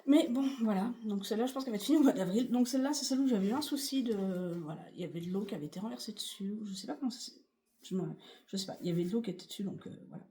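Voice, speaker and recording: A woman's voice: mid-range voice, mellow. A woman vlogging casually about her cross-stitch projects, rambling and chatty with many fillers. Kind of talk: casual chatty craft vlog.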